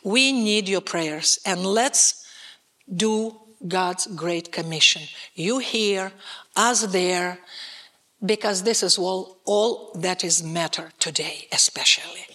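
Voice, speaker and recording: A mature woman from Russia with a Russian accent, speaking to a church as a visiting missionary preacher and searching for words in halting English. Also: fairly low pitch, sharp tone. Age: middle-aged or older. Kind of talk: church testimony with picture presentation.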